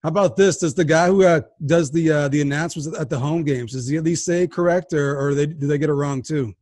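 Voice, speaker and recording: Fast-talking energetic male podcast host. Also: a little high, dry recording, studio quality. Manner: energetic, hype host with frequent restarts. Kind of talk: sports podcast interview.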